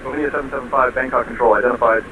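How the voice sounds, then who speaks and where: A man working as an air traffic controller, giving clipped, procedural instructions over a helmet radio. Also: mid-range voice. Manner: flat, brisk, procedural delivery. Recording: tinny radio with static.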